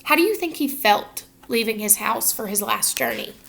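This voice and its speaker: A woman teacher with a gravelly, mid-range voice reads a picture book aloud to students. She is expressive and instructive and pauses to ask her listeners questions.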